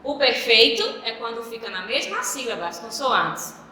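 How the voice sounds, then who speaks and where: Bright-voiced woman teaching in an echoey room. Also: on the high side, very animated, a little hiss or hum. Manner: patient, explains slowly and repeats key words. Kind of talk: video lesson for young pupils. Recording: echoey room with long reverb.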